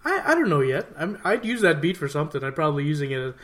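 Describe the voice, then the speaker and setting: A man's voice: on the high side, big pitch swings, fast talker, fairly bright tone. A man co-hosting a casual podcast chat, often stammering and restarting, laughing now and then. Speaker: podcast co-host.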